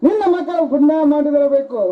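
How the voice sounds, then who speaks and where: A man's voice: very high-pitched, steady tone, brisk. A man playing a young son who confesses to his mother, in solemn, pleading folk stage declamation. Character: young adult son confessing a grave sin. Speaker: stage actor. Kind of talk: live folk stage drama. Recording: lo-fi live recording, loud music behind.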